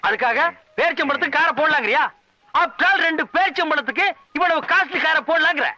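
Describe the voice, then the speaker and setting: An actor playing a bossy, short-tempered middle-aged troupe leader in a 1980s film comedy, loud and sarcastic. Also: male voice, very high-pitched, fairly quick, no room sound, muffled recording, heavily acted. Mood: scolding. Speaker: leader of a folk dance troupe.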